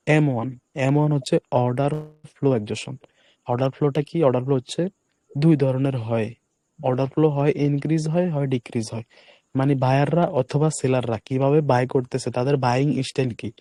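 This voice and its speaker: A man with a hoarse, breaking voice teaching a live online class, keeping his voice soft to spare it. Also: medium pitch, no room sound. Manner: speaks deliberately softly to spare his voice. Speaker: trading instructor.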